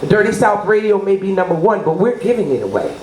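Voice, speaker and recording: Talking fast with big swings in pitch, this middle-aged woman has a medium, slightly mellow voice. She gives a boastful, emphatic promotional interview as a radio personality, frequently checking rhetorically that the listener understands. Background noise is clear, and the space sounds echoey.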